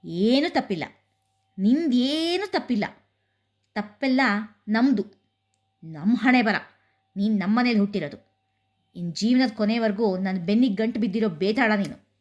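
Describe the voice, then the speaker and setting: A woman's voice: mid-range voice, expressive, moderate pace, long pauses, a little mellow, lightly acted. A woman voicing an angry man who harshly scolds his sister in bitter, raised words.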